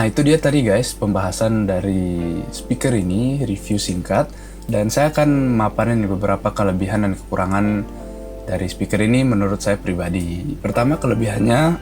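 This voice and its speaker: A man with an Indonesian accent reviews a gadget for his viewers, casual and chatty, explaining things informally. His voice is lowish and a little mellow.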